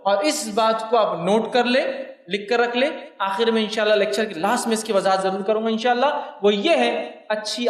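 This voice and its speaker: A man giving a religious lecture to his listeners. He repeats his points for emphasis and speaks to them directly. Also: very high voice. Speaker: preacher. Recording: echoey hall, mic at a distance.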